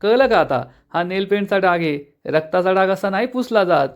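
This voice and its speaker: A man's voice: high-pitched, expressive, normal speed, lo-fi sound, pitched above the performer's own voice. A man voicing an irritated middle-aged aunt in a retold TV serial, scolding her husband.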